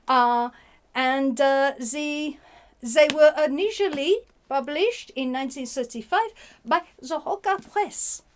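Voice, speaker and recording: A woman hosting a casual book review vlog, slipping words into her talk and pausing often on fillers. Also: high voice. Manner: sprinkles French words, halting with many fillers.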